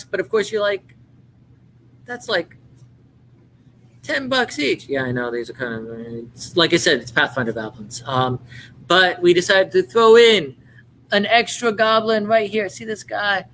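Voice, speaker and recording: Playful high-voiced salesman man. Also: normal speed, a bit bright, slight background noise, low-quality recording. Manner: playful, hammy, chatty salesman patter. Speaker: seller hosting a live-stream sale. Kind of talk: home-shopping style sales pitch.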